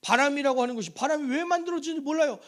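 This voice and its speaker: A male pastor preaching a sermon in a church, animated and storytelling, acting out quoted voices and putting questions to the congregation. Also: extremely high pitch, very fast. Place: church sanctuary.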